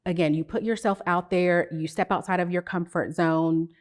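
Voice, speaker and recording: A woman psychotherapist on a podcast, explaining things in a measured, teacherly way. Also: fairly low pitch, fairly even intonation. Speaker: psychotherapist guest. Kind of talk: podcast interview.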